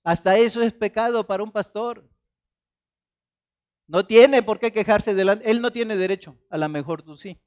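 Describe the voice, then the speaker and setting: High-voiced man preaching a dramatic sermon. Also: normal speed. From Mexico. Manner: dramatic, shifts between loud emphasis and soft quoted asides. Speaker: pastor. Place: church.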